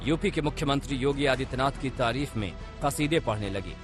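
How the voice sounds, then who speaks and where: A man with a mid-range voice reads a scripted news report as a voice-over, brisk and punchy with dramatic delivery. Music plays underneath him.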